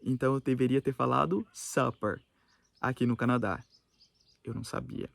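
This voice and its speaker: A man's voice: medium pitch, fairly even intonation, normal speed, creaky, no room sound. A young Brazilian man with a Brazilian Portuguese accent, casually explaining word differences in a vlog, mixing in English examples. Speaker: YouTuber.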